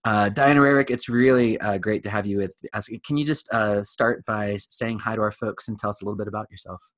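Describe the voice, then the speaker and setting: A lower-voiced man, a pastor hosting a casual podcast interview, heard on a close, dry mic. He keeps stopping to restart his sentences and fills the gaps with ums. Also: fairly even intonation, a bit bright, dry recording. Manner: halting, many fillers and restarts.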